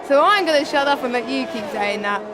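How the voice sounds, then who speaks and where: A woman's voice: sits high, lively intonation, brisk, crowd noise, background noise. A young woman co-commentating a sim racing league, talkative and analytical, often correcting herself.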